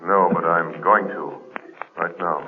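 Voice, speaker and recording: An actor playing a mysterious unseen avenger in an old-time radio drama, commanding, deliberate and theatrical. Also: male voice, low voice, steady tone, heavy background noise. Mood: urgent, commanding. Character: mysterious unseen male avenger taunting criminals. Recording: tinny old radio recording.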